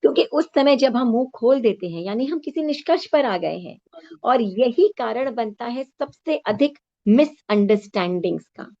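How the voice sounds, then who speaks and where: High-voiced woman teaching with frequent check-ins. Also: expressive, moderate pace, darkish tone. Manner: keeps checking in with short tag questions; mixes in English phrases. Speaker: spiritual teacher. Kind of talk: explanatory spiritual talk with a story. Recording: dull lo-fi recording.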